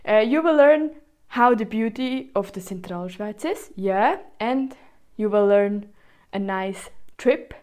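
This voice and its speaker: Swiss german accent lady doing a chatty podcast, takes her time, english a bit halting. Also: medium pitch, a little mellow. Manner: speaks halting, non-native English with repetitions. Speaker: podcast host. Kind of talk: chatty solo podcast episode.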